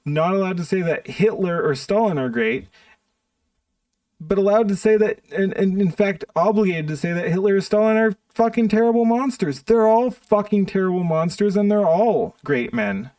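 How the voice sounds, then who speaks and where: A man's voice: high voice, lively intonation, normal speed, a little mellow, dry recording, recorded from a distance. A man streaming live, ranting bluntly and profanely in an exasperated tone. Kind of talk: live-stream commentary rant.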